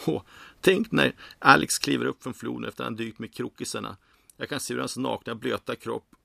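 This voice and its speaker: A man voicing a flamboyant, excitable male bartender in a Santa suit, talking in a gushing, high-strung way. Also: vocal fry, no echo, heavily acted. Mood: gushing, thrilled.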